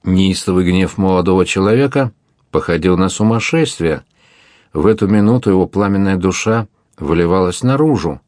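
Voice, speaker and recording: A man narrating an adventure novel as an audiobook, reading in a measured, dramatic way. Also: low-pitched, animated, darkish tone, dry recording, studio quality. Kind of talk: scripted narration.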